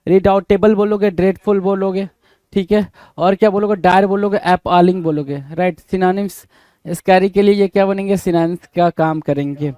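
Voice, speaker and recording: A man teaches English synonyms and antonyms in an exam-prep lesson, quizzing listeners over and over. His voice sits high and light. The sound is close and dry, with no room around it. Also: fairly even intonation, normal speed, dark tone, clear, resonant tone, no room sound. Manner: quizzing, keeps asking "bhai?" then answering.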